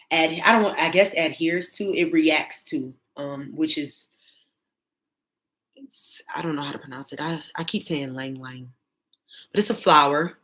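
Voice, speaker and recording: A woman of thirty with a low voice talks casually as a tarot reader. She hesitates a lot, with many fillers and restarts as she works through her thoughts. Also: a bit bright, rough recording. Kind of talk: casual spiritual vlog chat.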